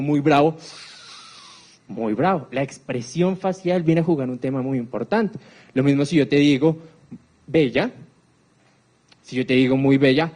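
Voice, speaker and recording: A man's voice: fairly high pitch, darkish tone. Man quizzing a live audience. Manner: engaging, quizzes the audience with questions. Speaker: speaker on accessibility for deaf people. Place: university lecture hall.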